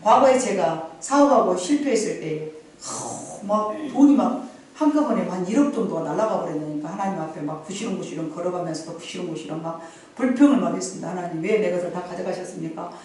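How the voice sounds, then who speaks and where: In a very echoey church sanctuary, a middle-aged woman pastor preaches, recorded from afar. Her fairly low, darkish voice is expressive and fairly quick, swelling into emphatic peaks and then dropping into confiding storytelling.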